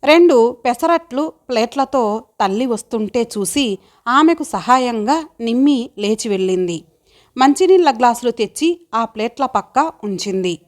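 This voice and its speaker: Woman reading an audiobook story, measured delivery, a touch high. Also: animated. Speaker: narrator. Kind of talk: scripted audiobook narration.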